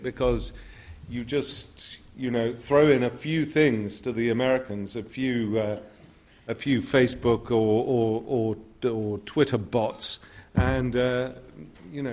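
A man speaking on a panel, giving a measured, thoughtful answer to an audience, with restarts as he searches for words. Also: medium pitch, a little mellow. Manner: measured, with frequent restarts and fillers. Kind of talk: public lecture answer.

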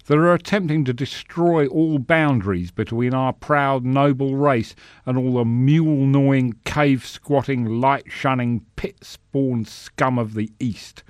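A man's voice: medium pitch, measured pace, no echo, voice pushed up, natural voice. A man voicing a bigoted halfling senator who orates in a bombastic, declaiming style, recorded dry. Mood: orating. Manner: bombastic, declaiming filibuster speech.

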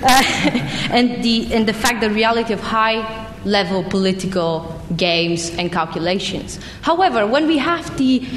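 A woman makes an earnest, pressing comment from the audience. She is recorded in a large echoing hall with a long reverb tail and a faint background hiss. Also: fairly high pitch. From Bulgaria. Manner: earnest, pressing, hesitant restarts. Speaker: audience member. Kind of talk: comment from the floor at a panel.

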